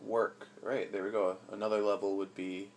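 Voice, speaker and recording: A man's voice: on the low side, level tone, moderate pace, slight background noise. A man chatting casually with his child as her father, asking playful, probing questions. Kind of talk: casual chat.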